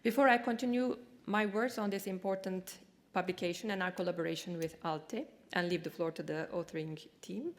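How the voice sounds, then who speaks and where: A woman from Turkey, whose first language is Turkish, addresses a conference as a program manager. She talks quickly and in a formal, courteous way, in a somewhat low voice.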